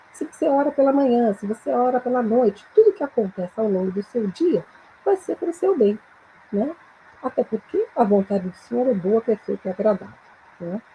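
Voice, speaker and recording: A middle-aged Brazilian woman teaching a Bible-based English lesson, with frequent tag questions and slow, careful readings of English verses. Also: fairly high pitch, mellow, slight background noise, low-quality recording. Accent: Brazilian Portuguese.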